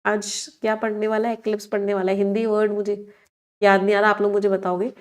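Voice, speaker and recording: A woman's voice: medium pitch, completely flat delivery, fast. Woman teacher, exam-prep vocab lesson, mixes Hindi and English, quizzes the class. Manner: explains words in Hindi mixed with English, asks the class questions.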